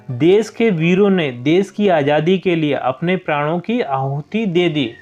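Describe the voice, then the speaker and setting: A man's voice: fairly high pitch, dull audio. A man explaining a Hindi lesson to young pupils, patiently going through each answer and often addressing the class directly. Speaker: teacher.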